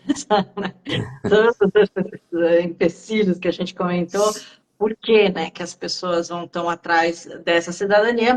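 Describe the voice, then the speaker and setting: A woman, explaining things in a relaxed, conversational way on a live-stream Q&A, with frequent fillers. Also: medium pitch, poor audio. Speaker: guest speaker on Italian citizenship. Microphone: remote live-stream call.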